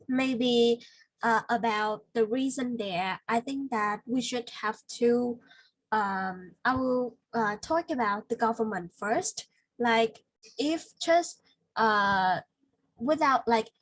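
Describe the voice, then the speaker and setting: A woman with a Vietnamese accent teaches English, patiently correcting her student's words. Her voice is husky and slightly high. She speaks slowly. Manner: patient, corrective, explains word choices slowly. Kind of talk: speaking practice lesson.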